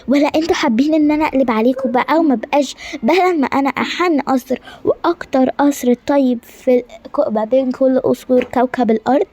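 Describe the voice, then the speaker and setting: A woman with an Egyptian Arabic accent voicing a haughty, short-tempered queen who scolds her staff in rapid complaints. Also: fairly high pitch, a little mellow, slight background noise, lightly acted. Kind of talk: amateur game-animation drama voicing.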